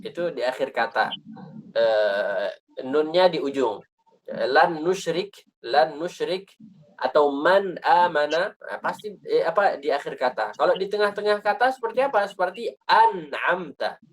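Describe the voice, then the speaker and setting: Guy teaching tajwid, kinda high voice, patient, says it twice, lots of "eh". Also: animated, normal speed, rough recording. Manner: patient, repeats key points, many fillers. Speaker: Quran recitation teacher. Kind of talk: explaining tajwid lesson.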